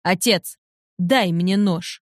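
A woman's voice: on the low side, takes it slowly, no echo, clean studio sound. A woman voicing a desperate young heroine in a storybook, tearful but defiant, speaking with raw intensity. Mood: cold fury. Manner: intense, emotional.

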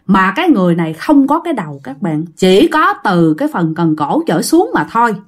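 A woman's voice: medium pitch, very animated, fairly quick. A woman with a Southern Vietnamese accent telling a ghost story in a chatty way, talking to listeners. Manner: chatty, addressing listeners directly. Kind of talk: casual ghost story narration.

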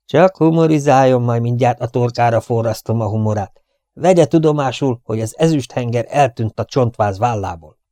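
A man voicing a whiny, tearful male gangster in a storybook reading, with a high, whimpering voice. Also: warm tone, no echo, clean studio sound, close to an everyday voice. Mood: whining, indignant.

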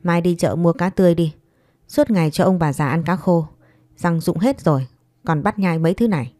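A woman's voice: fairly low pitch, moderate pace, mellow, no echo, studio quality, faint music behind, natural voice. A woman reading a harsh old mother-in-law. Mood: harsh scolding. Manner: scolding, contemptuous.

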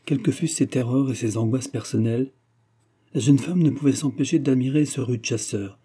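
A man reading a classic novel aloud in a measured, even narration. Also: mid-range voice, husky. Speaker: audiobook reader. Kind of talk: scripted narration.

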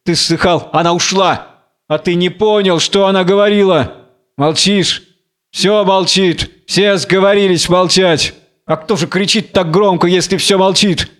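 A man's voice: sits high, steady tone, a little slow, fairly bright tone, pitched above the performer's own voice. A man reading aloud as a blind, raging biblical strongman, with wild, taunting, exalted declamation. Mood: furious. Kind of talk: theatrical audiobook reading.

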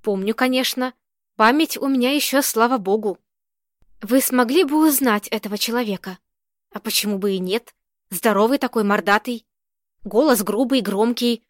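A woman's voice: fairly high pitch, moderate pace, no room sound, clean studio sound, close to an everyday voice. A woman doing a fussy chattering old landlady. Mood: fretful. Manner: chattering, fretful.

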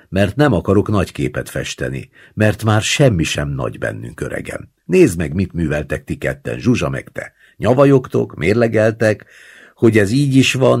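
A man's voice: low-pitched, sing-song, gravelly, a little mellow, breathy edge, voice pushed up, heavily acted. A man reading a blunt, mocking male schemer. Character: cynical talkative male friend, a schemer. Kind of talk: audiobook reading.

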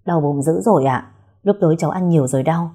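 A woman voicing a desperate young woman held captive by her family, speaking in a hushed, pleading way. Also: low voice, fast talker, husky.

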